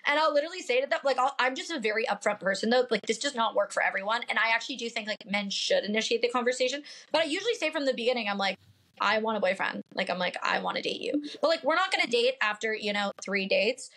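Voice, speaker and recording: On the high side and animated, her quick, slightly bright voice has a nasal quality. She's a late-twenties woman from the Pacific Northwest, guesting on a podcast and chatting casually, direct and packed with fillers.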